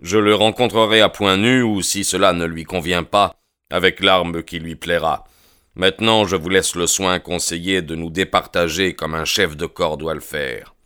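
A man's voice: deep voice, fairly even intonation, moderate pace, sharp tone, smooth. A man voicing a hot-tempered young Irish newcomer in an audiobook, speaking bluntly and forthrightly. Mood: firm. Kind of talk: audiobook character reading.

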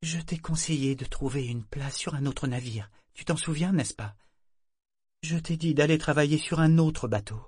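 A man's voice: a little high, moderate pace, a little mellow, slightly rough, no echo, clean studio sound, pitched above the performer's own voice. A man voicing a frightened living she-ship. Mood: insistent. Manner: tense, fearful pleading. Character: living female ship, fearful and pleading.

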